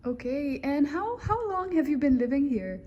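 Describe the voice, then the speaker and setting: A woman student interviewing a guest, asking questions gently and encouraging him with frequent mm-hmms. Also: high-pitched, sing-song, moderate pace, lo-fi sound, slight background noise.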